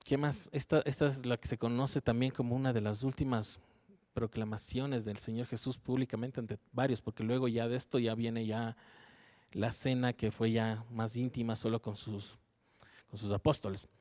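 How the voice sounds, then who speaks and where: A man's voice: mid-range voice, fairly even intonation, moderate pace, a little mellow. A man leading a Bible study sermon, reading scripture verses aloud, explaining them and checking in with his listeners by asking "¿sí?". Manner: checks in with listeners with a frequent questioning "¿sí?".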